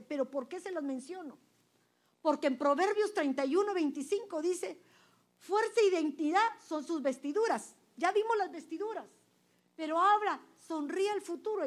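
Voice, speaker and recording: Emphatic woman preacher, high voice. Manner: quizzes the audience with questions; emphatic, swings between loud and soft. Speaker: preacher at a women's church meeting. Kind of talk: sermon.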